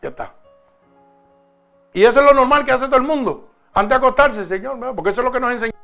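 A man's voice: extremely high pitch, animated, quick pace, a bit bright, soft background music. A man preaching a sermon, stretching out key phrases and telling stories in an emphatic cadence.

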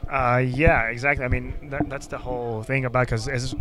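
A man's voice: medium pitch, flat delivery, normal speed, music in the background. A man, a film director, talking earnestly about his film, with many fillers. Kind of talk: casual interview.

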